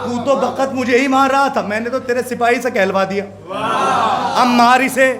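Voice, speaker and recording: Calm smiling old guy who won't break, a preacher doing him, high voice, crowd around. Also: normal speed. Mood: serene. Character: old devoted man, beaten yet serene. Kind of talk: sermon storytelling. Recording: crowd heard around speaker. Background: listening congregation.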